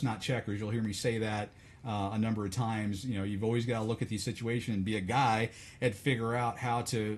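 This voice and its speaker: A man's voice: medium pitch, a little mellow. A man from the States, hosting a live podcast from a chair at home in a casual, rambling, blunt and self-deprecating way. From Southern United States. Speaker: podcast host. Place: home room, seated in a chair.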